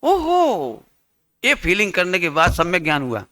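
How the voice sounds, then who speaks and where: Male Jain teacher, higher-pitched, lively and interactive sermon delivery, acts out examples. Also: fast, smooth. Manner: animated, quizzes the audience, acts out scenes.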